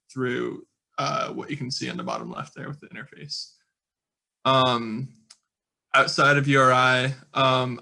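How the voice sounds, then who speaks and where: A man's voice: mid-range voice, vocal fry, bright, forceful tone. A young man from Saskatchewan, an undergraduate student, introducing himself with a hesitant, filler-heavy delivery. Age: young adult. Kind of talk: prepared self-introduction.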